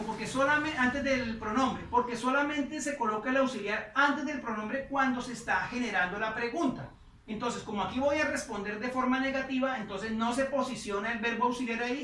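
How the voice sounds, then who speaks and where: A woman teaching English grammar in Spanish, patiently repeating and slowing down her example sentences. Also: on the high side, fairly bright tone, a little hiss or hum. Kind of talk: explaining English grammar on a whiteboard. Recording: echoey room, voice from a distance.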